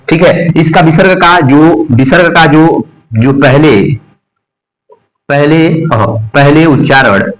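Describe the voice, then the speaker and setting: A man's voice: mid-range voice, a bit bright, low-quality recording. A man teaching Hindi grammar, repeating terms and asking and answering his own questions as he drills pronunciation. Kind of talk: classroom lesson.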